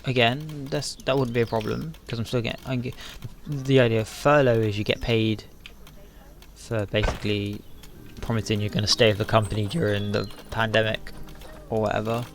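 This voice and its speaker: A man's voice: fairly low pitch, fairly even intonation, normal speed, creaky, a little hiss or hum. A sleepy, yawning man rambling to himself with lots of fillers as he builds in a game. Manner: rambling, self-talking, frequent fillers. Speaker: gaming video creator. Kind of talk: casual commentary while building in a game.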